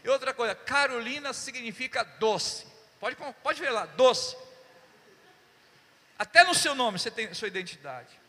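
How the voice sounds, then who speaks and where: A pastor preaching a sermon, telling stories and acting out voices while calling "Amém?" to the congregation. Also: male voice, very high-pitched, measured pace. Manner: animated, acts out dialogue, calls "Amém?" to the congregation. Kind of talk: sermon with storytelling. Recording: long church hall reverb.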